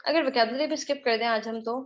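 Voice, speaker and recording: A young woman teaching spoken English in a live online class. She teases and scolds her students briskly, slipping English phrases into her Hindi-Urdu speech. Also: on the high side. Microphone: computer mic in a live online class. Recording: dull lo-fi online call audio.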